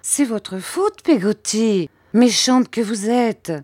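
A woman voicing a young, fretful mother who whines and pleads in a high, petulant voice. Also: animated, a little slow, dark tone, dry recording. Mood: petulant pleading.

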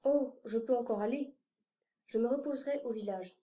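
A woman's voice: fairly high pitch, moderate pace, highs cut off, close to an everyday voice. A woman voicing a polite, trusting little boy in an audiobook. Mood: earnest. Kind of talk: audiobook character reading.

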